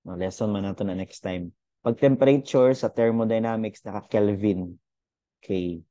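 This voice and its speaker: Close-miked and dry with the highs cut off, a young man's mellow, warm, slightly low voice carries a relaxed online physics lesson. He keeps a normal speed and a chatty style, using fillers as he thinks out loud.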